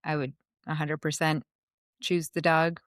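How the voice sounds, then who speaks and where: Deep-voiced relaxed woman co-host. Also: unhurried, no echo, studio quality. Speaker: podcast co-host. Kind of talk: casual podcast chat.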